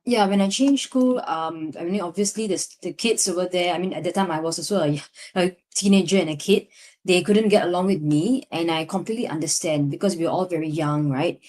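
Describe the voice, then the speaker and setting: A young Singaporean woman, a lecturer appearing as a guest, reflects on her past in casual conversation with a Singaporean English accent. Her lowish voice is brisk and a little mellow, and she often uses "you know" as a filler.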